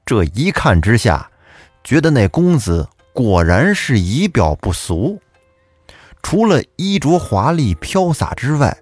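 A man's voice: medium pitch, very animated, slow, a little mellow, breathy edge, dry recording, soft background music. A man narrating a folk tale as storyteller host, chatty and turning to address his listeners.

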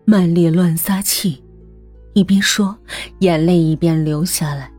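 A woman reading a suspense story aloud, measured and hushed, sometimes dropping almost to a whisper. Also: lowish voice, fairly even intonation, faint music behind. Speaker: narrator. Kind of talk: scripted audiobook narration.

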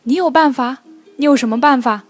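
A woman voicing a big male lion in pain in a children's storybook reading, loud and groaning. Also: sits high, lively intonation, a little fast, soft background music, voice pushed up.

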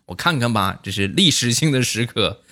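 A man's voice: medium pitch, animated, normal speed, bright, forceful tone. A man telling comic anecdotes in a chatty way, full of tag questions. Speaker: stand-up storyteller. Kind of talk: comic monologue of short anecdotes.

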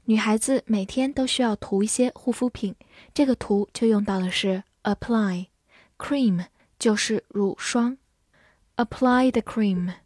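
A woman teaches English vocabulary at an unhurried, deliberate pace. She spells each word letter by letter and reads the example sentences slowly and clearly. Her voice sits in a middle pitch range and sounds close and dry, with no room echo. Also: a little mellow. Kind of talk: scripted vocabulary lesson.

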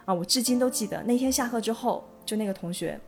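Fast-talking woman telling a podcast story. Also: on the high side. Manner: lively, laughs often while telling a story. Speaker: podcast co-host. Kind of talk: casual storytelling chat.

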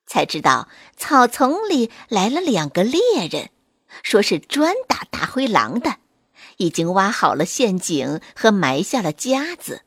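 A woman storyteller reading a children's story aloud with clear, expressive delivery. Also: mid-range voice, measured pace, no echo.

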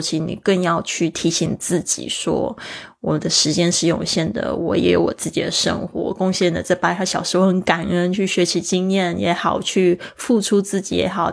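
Female podcast teacher, low and slightly gravelly, patient with word explanations, encouraging. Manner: explains words slowly, spelling them out; encouraging, talks straight to listeners. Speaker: podcast host and English teacher. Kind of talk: podcast English lesson.

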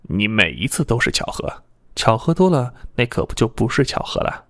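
A man voicing a smug, suspicious middle-aged police deputy chief, speaking in a lowered, sneering voice. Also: sing-song, normal speed, fairly bright tone.

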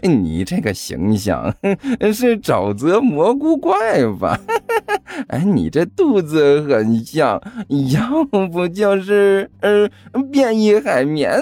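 A man voicing a goofy young man who teases in a slow, giggly way. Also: sits high, huge pitch swings, a little mellow, no room sound, pitched above the performer's own voice, exaggerated voice. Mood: teasing.

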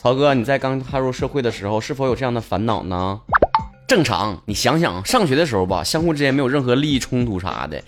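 Animated Northeastern Chinese comedy man over loud music. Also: medium pitch, fast. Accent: Northeastern Chinese (Dongbei). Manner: colloquial, joking, rhetorical questions. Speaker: comedy talk show host. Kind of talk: comedic monologue, answering listener messages. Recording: loud music bed under the voice.

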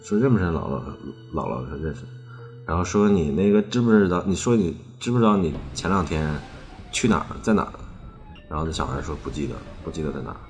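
Very deep-voiced man telling a rambling tale. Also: lively intonation, quick pace, lo-fi sound, soft background music. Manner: rambling, strings clauses with "then" and repeats phrases. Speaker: storyteller on a ghost-story podcast. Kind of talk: casual chat storytelling.

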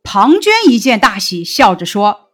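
A woman teacher reading a Chinese lesson text aloud in a steady, clear voice. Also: medium pitch, unhurried.

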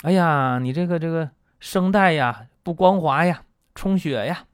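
A man doing a shrill, fussing hospital doctor. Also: unhurried, smooth, no room sound, clean studio sound, natural voice. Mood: alarmed. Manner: high-pitched exclaiming, string of alarmed "哎呦". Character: fussy male hospital doctor, exclaiming.

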